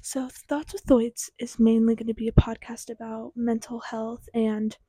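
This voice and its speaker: A woman's voice: a little high, level tone, measured pace, dark tone, husky, dry recording. A teenage young woman with a slight lisp from wearing a retainer, hosting a podcast and introducing it in a casual, chatty way. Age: teens. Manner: informal, chatty. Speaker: podcast host.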